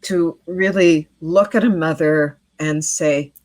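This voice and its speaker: Middle-aged woman guest, low and slow-paced, earnest storyteller, dry close mic. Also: steady tone, darkish tone, dry recording. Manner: earnest, repeats words while telling a story. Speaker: interview guest, midwife. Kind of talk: storytelling in a podcast interview.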